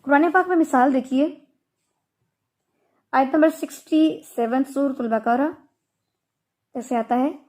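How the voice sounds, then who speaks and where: Slow, high-voiced woman teaching tajweed. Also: darkish tone. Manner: slow, patient explaining with drawn-out Arabic examples. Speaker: Quran recitation teacher. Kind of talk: online tajweed lesson.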